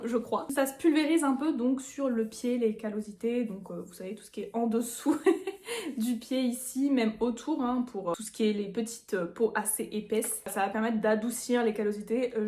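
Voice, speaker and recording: A woman's voice: on the high side, warm tone. A woman chatting casually through a product unboxing, rambling with fillers and little laughs. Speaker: nail artist reviewing products. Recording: echoey room.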